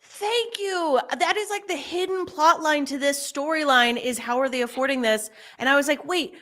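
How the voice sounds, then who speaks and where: Female panelist, giggly quips, high and bright, very animated pitch. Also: moderate pace. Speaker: guest on a reality TV discussion stream. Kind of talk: casual live-stream chat.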